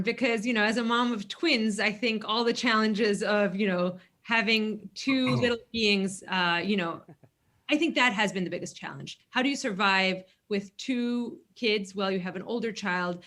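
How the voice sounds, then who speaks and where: A woman's voice: mid-range voice, fairly bright tone. A woman in her thirties from Greece, a congressional candidate answering questions earnestly in a virtual forum, with frequent fillers. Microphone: video call.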